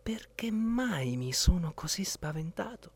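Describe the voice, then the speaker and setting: A man's voice: sits high, very animated, unhurried, husky, pitched above the performer's own voice, heavily acted. A man voicing a timid, grumbling, feather-covered male bird-catcher in a storybook tale. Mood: musing. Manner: grumbling, fussy.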